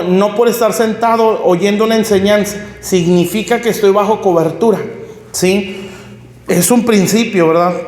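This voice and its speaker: A man preaching a teaching sermon, explaining step by step and often checking in with his listeners. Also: high-pitched. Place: church hall. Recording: echoey hall reverb.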